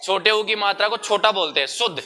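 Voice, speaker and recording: A man's voice: high-pitched, fast talker, pushed and bright, a little hiss or hum. A young man teaching schoolchildren in a classroom, explaining patiently and mixing in English words. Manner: explains patiently, addresses pupils as beta, mixes English words. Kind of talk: classroom Hindi lesson.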